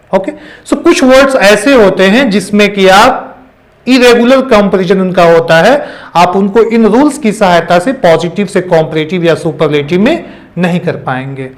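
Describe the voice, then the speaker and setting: A man with a high voice explains grammar as a teacher. He moves between Hindi and English and spells words out letter by letter. He keeps checking in with "okay" as he goes. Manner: repeats phrases and says "okay" often. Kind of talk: classroom-style explanation.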